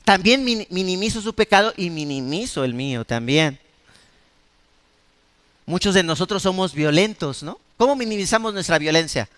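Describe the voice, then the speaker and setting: A Mexican man preaches to his congregation in a high, bright and forceful voice. He keeps it conversational, tossing rhetorical questions at the room. A long reverb trails his voice through the church hall. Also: lively intonation, normal speed. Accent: Mexican Spanish. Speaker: pastor. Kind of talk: sermon.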